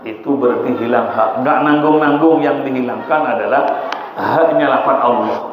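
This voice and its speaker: A man's voice: medium pitch, moderate pace, noisy background. A male preacher with an East Javanese Indonesian accent, giving a mosque lecture, drilling recitations and quizzing his listeners. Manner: repeats and drills recitations, asks the audience questions. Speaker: Islamic preacher teaching a kitab study. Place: large mosque hall. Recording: echoey hall, dull lo-fi sound.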